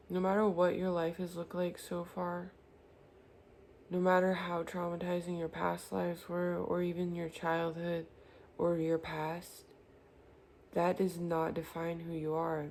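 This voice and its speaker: Tarot reader, woman, mellow dark tone, earnest and reassuring, faint noise behind. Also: lowish voice, vocal fry. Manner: earnest, reassuring, addresses viewer directly. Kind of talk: spiritual tarot reading.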